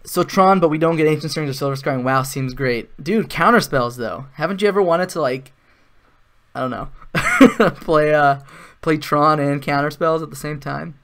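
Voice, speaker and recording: A man's voice: on the high side, normal speed, a bit bright. A man giving casual live-stream commentary while playing an online card game, thinking aloud, with sarcastic asides.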